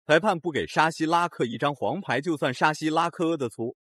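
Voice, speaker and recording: A man's voice: fairly high pitch, fairly quick, fairly bright tone, dry recording. A man narrating a scripted recap of a fight in a dramatic, opinionated way. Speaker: video narrator.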